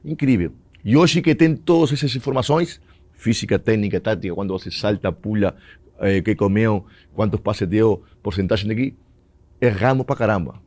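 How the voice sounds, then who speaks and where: Storytelling in an interview, a Uruguayan ex-footballer, native in Spanish, weaves Portuguese into his speech and frequently laughs. His pitch is fairly low, his intonation lively, his pace moderate and his tone a little mellow.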